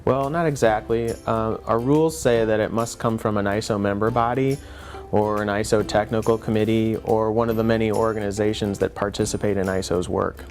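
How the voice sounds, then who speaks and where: A man's voice: fairly low pitch, fairly even intonation, a little fast, darkish tone, soft background music. A man presenting an explainer in a patient, conversational teaching manner. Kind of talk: semi-scripted explanatory dialogue.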